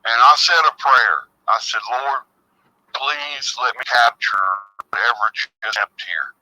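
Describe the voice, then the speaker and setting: A man's voice: medium pitch, measured pace, bright, forceful tone, no room sound. A man telling his story over a cell phone held up to a microphone, rambling with stammered restarts. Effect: muffled cell phone audio held to a mic. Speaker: call-in guest. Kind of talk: storytelling first-hand encounter. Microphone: cell phone placed next to host's microphone. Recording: dull lo-fi phone sound, dry.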